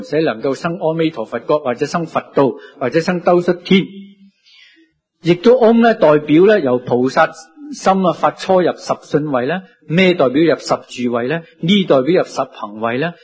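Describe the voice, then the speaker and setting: A man with a Cantonese accent giving a Buddhist sermon, telling it lively with many drawn-out sentence endings. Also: a little high, husky. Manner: lively storytelling with many sentence-final particles. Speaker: Buddhist teacher.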